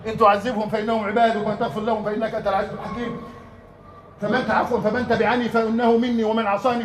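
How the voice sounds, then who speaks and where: A man with an Egyptian accent delivers a Friday sermon in a mosque, speaking in a very high voice. He is lively and emphatic, posing rhetorical questions and leaving the last word for the crowd. He is picked up from a distance in a roomy, echoing space with a faint hum of ambience behind. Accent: Egyptian Arabic. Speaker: preacher. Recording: echoey hall, mic at a distance.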